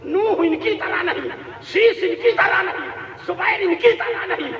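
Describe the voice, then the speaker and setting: A man's voice: extremely high pitch, a little slow. A man preaching a sermon at a religious gathering, impassioned, with repeated refrains that build up. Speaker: Islamic preacher. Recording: roomy, distant, dull crowd sound at a religious gathering.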